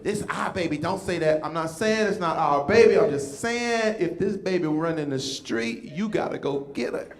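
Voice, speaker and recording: On a comedy club stage with a live crowd, a fifties-aged man performs stand-up, spinning lively stories and doing voices. He speaks high, the room echoes, and there's a bit of hiss or hum.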